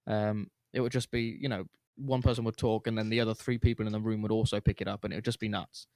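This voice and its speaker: Young podcast host, rambling storyteller with an easy, unhurried delivery, recorded dry and close. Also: male voice, lowish voice, flat delivery, a little mellow, no echo. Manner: rambling, laid-back, frequent fillers. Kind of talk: casual chat, storytelling.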